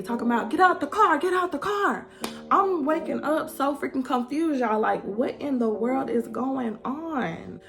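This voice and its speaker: Young woman, casual storytime, animated, fairly high voice, music playing behind. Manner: animated, addresses viewers as y'all. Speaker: vlogger.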